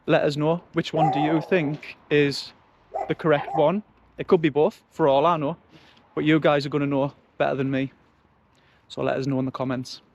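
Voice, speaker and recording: Walking through residential streets outdoors, a man with a Sunderland accent chats casually in local dialect, offering tour commentary as a local-history vlogger. His pitch is fairly high with little variation, his speed is normal, and the sound is lo-fi, with traffic and street noise in the background.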